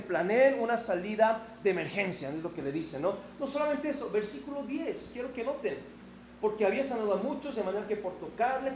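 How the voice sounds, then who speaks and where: Pastor guy preaching, kinda high voice, echoey church room w/ faint hum behind. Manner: animated, shifts from raised emphasis to soft reflective tone. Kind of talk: sermon. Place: church sanctuary.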